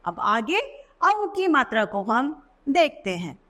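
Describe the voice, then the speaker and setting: Slow, sing-song woman teacher. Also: sits high, sing-song, a bit bright. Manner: slow, emphatic, sing-song stress on key words. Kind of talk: children's Hindi lesson narration. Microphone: voice-over.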